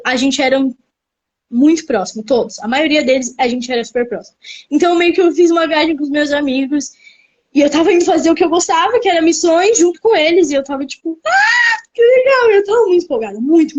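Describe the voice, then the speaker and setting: A young adult woman from Brazil, a missionary and youth leader, chatting in a casual interview and excitedly repeating words for emphasis. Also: sits high, lo-fi sound. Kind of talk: casual interview on a live stream.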